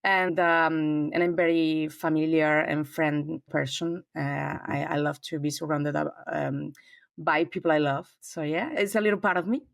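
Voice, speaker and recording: A woman's voice: deep voice, fairly even intonation, normal speed, creaky, dry recording, clean studio sound. Talkative Spanish-accented woman in her forties. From southern Spain. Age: 40s. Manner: talkative, warm and expansive, frequent fillers. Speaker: podcast guest. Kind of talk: conversational interview. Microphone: remote call.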